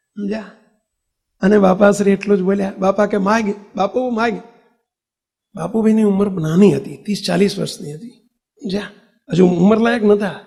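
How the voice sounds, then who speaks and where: Male preacher, folksy storytelling sermon, high gravelly voice, checks in with his audience. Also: a little mellow.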